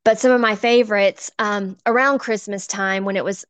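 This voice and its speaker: A woman's voice: medium pitch, fairly even intonation, moderate pace, clear, resonant tone, dry recording. A middle-aged woman, a church volunteer sharing an earnest, emotional personal testimony. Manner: earnest, emotional, gets choked up.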